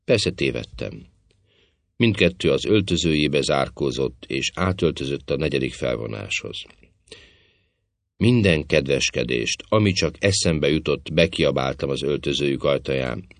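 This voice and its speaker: A man narrating an audiobook in a measured, solemn storytelling manner. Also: extremely low pitch, animated, vocal fry, no room sound.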